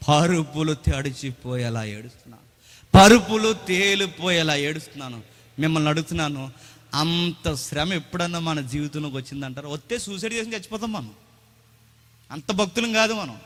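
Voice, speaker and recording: A man's voice: a little high, moderate pace, fairly bright tone, in a large hall. A man preaching a sermon with dramatic delivery, posing rhetorical questions and acting out the voices of people he quotes. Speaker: pastor. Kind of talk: Telugu sermon with acted dialogue.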